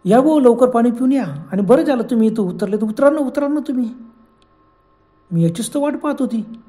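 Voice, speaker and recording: A man's voice: very high voice, lively intonation, brisk, warm tone, voice pushed up. A man voicing a ghostly woman who lures travellers with eerie, insistent pleas. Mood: coaxing. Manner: coaxing, wailing pleas.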